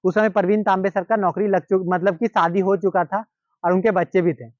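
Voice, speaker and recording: Indian guy with a high voice telling a story casually, lots of repeating, dry dull lo-fi recording. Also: fairly even intonation, fairly quick, a little mellow, no echo. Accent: Hindi-speaking Indian. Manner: repetitive, conversational retelling with quoted dialogue. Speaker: cricket storyteller.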